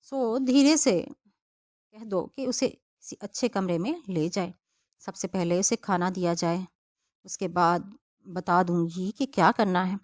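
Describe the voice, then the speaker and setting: A woman voicing a wealthy, kindly lady who talks in a soft, coaxing way. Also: lowish voice, lightly acted. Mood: calm.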